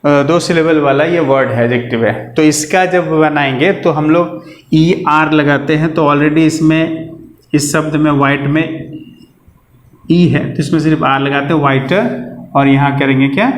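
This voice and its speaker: A man with a somewhat high voice teaches English grammar. He works through each rule step by step, poses questions and answers them himself, and pauses on fillers. His voice rings around an echoey room. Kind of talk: classroom grammar lesson.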